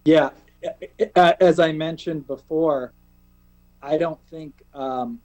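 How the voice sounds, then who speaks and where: A man's voice: medium pitch, warm tone, highs cut off. A man serving as city manager, explaining plans methodically during a public meeting over a video call.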